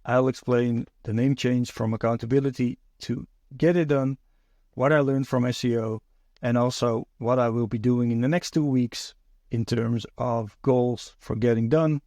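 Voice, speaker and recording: A Dutch-accented man from the Netherlands hosts a solo podcast monologue, speaking in a thoughtful, hesitant way full of fillers and restarts. His mid-range voice is dark and steady at a moderate pace, recorded dry.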